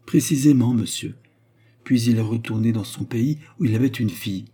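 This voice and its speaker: A man reading aloud, voicing a humble, trembling poor young woman in a softly raised voice. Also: medium pitch, normal speed, husky.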